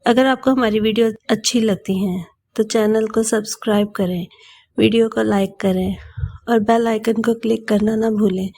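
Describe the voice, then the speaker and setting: A woman narrating a romance novel in a steady, even storytelling manner. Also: a little high.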